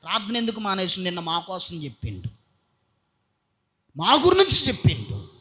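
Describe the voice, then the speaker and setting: A male pastor preaching a Sunday sermon, shouting and putting questions straight to the congregation. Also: high-pitched, wildly swooping pitch, moderate pace. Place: church service.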